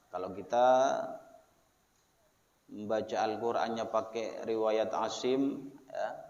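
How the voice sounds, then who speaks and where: A man's voice: lowish voice, darkish tone. A man with a Javanese accent giving a religious study lecture in a prayer hall. He reads the text with word-by-word glosses, then explains it, tagging nearly every phrase with "ya". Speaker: religious teacher. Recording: lo-fi with long hall reverb.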